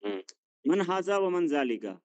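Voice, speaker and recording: A man teaching an Arabic lesson, drilling students with questions, patient and encouraging as he corrects them gently. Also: high voice, very animated, normal speed, clean tone, no echo, highs cut off.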